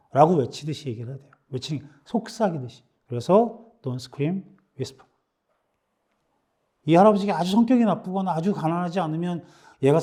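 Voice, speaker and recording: Mellow-voiced man giving a lecture. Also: a little high. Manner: conversational, acts out quoted dialogue, frequent restarts. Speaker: startup lecturer. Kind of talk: classroom lecture.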